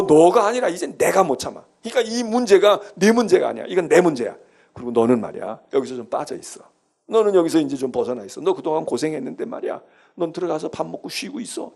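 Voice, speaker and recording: A man voicing God as a tender, protective parent who reassures a hurt child, speaking softly and kindly in a sermon. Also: on the high side, gravelly.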